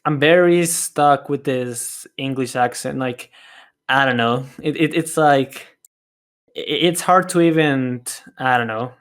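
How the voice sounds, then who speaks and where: A man hosting a casual music podcast, speaking in a halting way with frequent restarts and soft laughs. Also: medium pitch. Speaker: podcast host and music reviewer. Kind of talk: casual chat.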